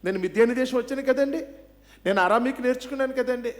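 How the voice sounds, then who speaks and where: A man's voice: very high voice, fast. A man voicing a reluctant older Moses who pleads and makes excuses in a raised, whiny voice. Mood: excusing.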